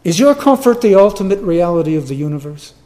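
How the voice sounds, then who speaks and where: A male pastor preaching a sermon, repeating phrases for emphasis and swinging between loud stresses and hushed near-whispers. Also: high voice, sing-song, fast.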